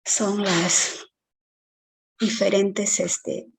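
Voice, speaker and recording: A woman teacher giving an exam-prep lecture, explaining slowly with many fillers and tag questions. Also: medium pitch, level tone, creaky, breathy edge, poor audio.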